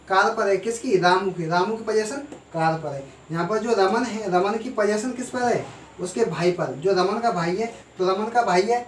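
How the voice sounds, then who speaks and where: A man teaching a grammar lesson, who explains slowly and asks and answers his own questions. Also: sits high. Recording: echoey room, voice from far off, faint noise.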